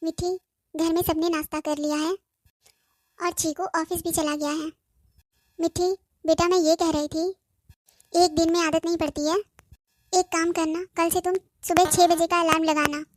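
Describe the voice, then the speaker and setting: A woman voicing a patient, gently firm cartoon mother-in-law who coaxes softly and keeps saying "beta". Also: extremely high pitch, flat delivery, moderate pace, long pauses, dry recording, clean studio sound. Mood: coaxing. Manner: soft, coaxing, says "beta" often. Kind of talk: cartoon voice acting.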